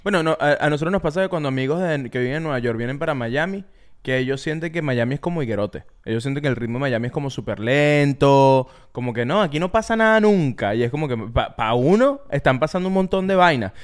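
A man co-hosting a casual podcast chat, slangy and animated, cursing casually. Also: medium pitch, fast talker. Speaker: podcast co-host. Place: Miami.

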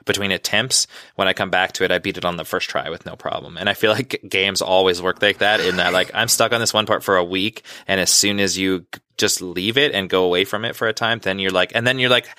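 A man's voice: deep voice, fairly even intonation, a little fast, few pauses, bright, forceful tone, dry recording, clean studio sound. A man chatting casually about video games, rambling with lots of fillers and restarts.

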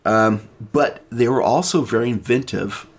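A man's voice: mid-range voice, normal speed, husky. A man hosting a casual podcast chat, explaining at length with many restarts and fillers. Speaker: podcast host presenting the topic.

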